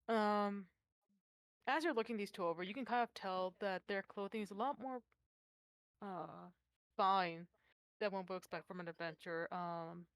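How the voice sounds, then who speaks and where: A woman narrating as game master, slow and halting with many fillers. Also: lowish voice, clean tone, dry recording.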